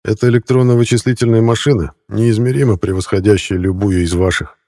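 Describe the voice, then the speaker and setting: An earnest young man come back from the future, explaining himself firmly and ready to flare into anger, voiced by a man reading the book. The voice sits low and mellow, and the sound is close and dry. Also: fairly even intonation, a little fast, dry recording. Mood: explaining calmly.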